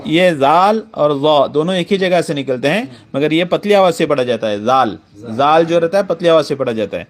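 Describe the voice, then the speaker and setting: A man's voice: a little high, lively intonation. Man drilling letter sounds in a lesson. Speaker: teacher. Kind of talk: Quran reading lesson.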